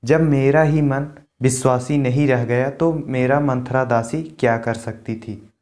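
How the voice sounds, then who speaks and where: A man's voice: mid-range voice, fairly even intonation, a little slow, darkish tone. A male teacher giving a lesson that reads a line of poetry and then explains it in simple words. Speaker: Hindi literature teacher.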